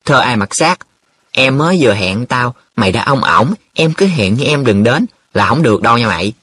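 A man's voice: medium pitch, lively intonation, fairly quick, bright, forceful tone, breathy edge, no room sound. A man voicing a touchy young man in love who answers his friends defensively and hesitantly. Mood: irritated.

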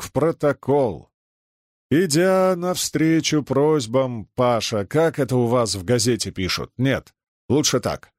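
A man's voice: fairly high pitch, dry recording, clean studio sound, pitched above the performer's own voice, lightly acted. A man voicing a brash, scheming older male ship's chief who talks in a boisterous, mocking, theatrical way, read for an audiobook. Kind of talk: audiobook character reading.

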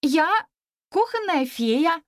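A woman voicing a bold, quick-witted young girl heroine in a storybook reading, with a high, bossy, lively voice. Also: no room sound, studio quality.

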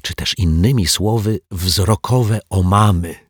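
A man voicing an embarrassed, unsure male client in a children's story, talking quietly and hesitantly. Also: low-pitched, slow, slightly rough, dry recording, studio quality, voice pushed up, exaggerated voice. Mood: ashamed whisper. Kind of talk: storybook character voice.

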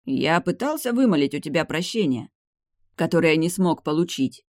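A woman's voice: low-pitched, animated, normal speed, a little mellow, dry recording. A woman voicing a persistent young aristocratic man who keeps pleading with his former lover, in a dry-sounding reading. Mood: earnest.

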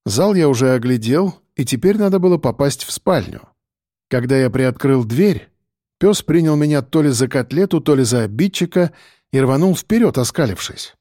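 A man narrating an audiobook in a steady, even storytelling voice. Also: mid-range voice, normal speed, no echo, studio quality.

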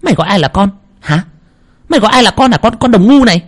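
A man's voice: high-pitched, animated, pitched above the performer's own voice. Man voicing a shrieking possessed woman shaman. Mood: shrieking rage. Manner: shrieking, insulting, rapid. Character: furious possessed middle-aged female shaman.

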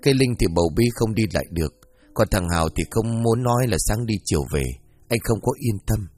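A man narrating a story as an audiobook, reading in a lively, expressive way. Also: on the low side, fairly quick.

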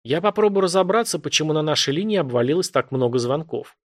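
A man's voice: on the high side, expressive, voice pushed up. Man doing a harried police dispatcher. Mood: firm. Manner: brisk, firm, reassuring. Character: harried male police dispatcher, calm but pressed.

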